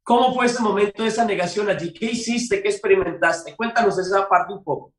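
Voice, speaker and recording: High-voiced priest asking gentle questions. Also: male voice, reverberant, recorded from a distance. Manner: slow, probing questions. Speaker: priest hosting the program.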